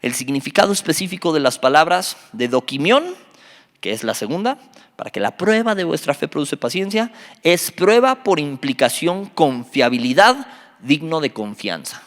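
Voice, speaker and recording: A man, a youth pastor teaching a Bible study, animated and joking, quizzing his listeners. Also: on the high side, moderate pace. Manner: animated, quizzes the audience, jokes. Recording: reverberant hall.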